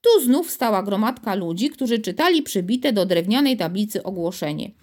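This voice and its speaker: A woman narrating a children's book as an audiobook, with expressive storytelling. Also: mid-range voice, moderate pace.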